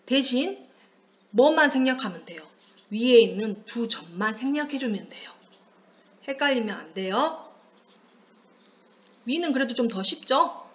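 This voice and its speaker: A woman teacher with a slightly high voice, working through a lesson at an unhurried, deliberate pace. She poses questions to her class and answers them herself, and the sound is dull and lo-fi. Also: animated. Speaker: high school Chinese teacher. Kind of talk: classroom lecture on pinyin.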